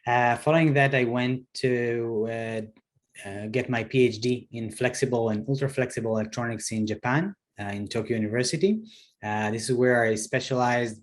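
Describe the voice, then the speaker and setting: A man in his thirties with an Israeli accent, a startup founder answering interview questions, pausing often with fillers and restarts. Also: mid-range voice. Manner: hesitant, many fillers and restarts. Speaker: startup CEO guest. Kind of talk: video call interview.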